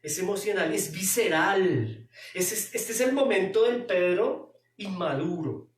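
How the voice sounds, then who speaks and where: Male pastor, expressive sermon, rhetorical questions, echoey church hall. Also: high voice, a little slow. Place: church sanctuary. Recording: roomy hall, distant mic.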